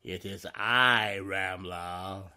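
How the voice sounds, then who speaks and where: The Shadow, a slow menacing avenger. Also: male voice, low voice, sharp tone, full character voice. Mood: ominous. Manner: slow, ominous, mocking. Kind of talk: 1930s radio drama acting.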